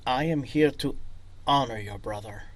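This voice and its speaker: A man's voice: medium pitch, close to an everyday voice, low-quality recording. A man reading as a weary German war veteran. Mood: earnest. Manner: slow, grave, measured. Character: weary male former German soldier, solemn and regretful.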